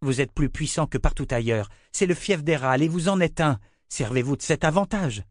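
A man voicing a young male lord who speaks urgently and forcefully. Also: mid-range voice, normal speed, no room sound, clean studio sound, voice pushed up, natural voice.

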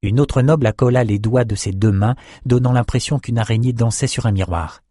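A man narrates an audiobook at a steady, measured pace, with a mid-pitched voice. The recording is close and dry, with no room sound. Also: no echo.

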